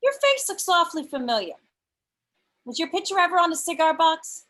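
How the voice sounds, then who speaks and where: A woman reading a sharp-tongued elderly mother who delivers blunt, deadpan insults in an amateur sitcom table read. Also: extremely high pitch, fairly quick, exaggerated voice. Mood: sardonic.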